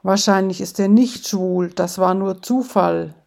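A woman voicing a calm, know-it-all man at a bar who explains things with mock wisdom. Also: mid-range voice, unhurried, vocal fry. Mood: wise. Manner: soothing, mock-wise.

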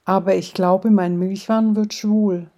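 A woman voicing a bewildered man retelling a strange morning at a bar, a bit louder than her narration. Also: mid-range voice, fairly even intonation, a little slow, dull audio. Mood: puzzled.

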